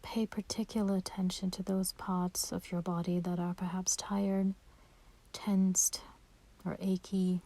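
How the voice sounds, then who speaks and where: A woman guides a meditation in a fairly low, soft and breathy voice with a warm, relaxed, dark tone and nothing sharp about it. Her soothing instructions come slowly and gently, with pauses between phrases.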